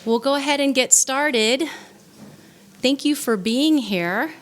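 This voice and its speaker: A woman hosts a live training event in a conference room, welcoming the audience and reading a speaker's biography aloud in an orderly, formal introduction. Her voice is high-pitched, and she takes it slowly.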